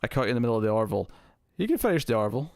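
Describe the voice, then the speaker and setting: A man hosting a casual live stream, chatting to viewers and thinking aloud, his voice heavily compressed to an even level on a close mic. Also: medium pitch, rapid-fire, no room sound.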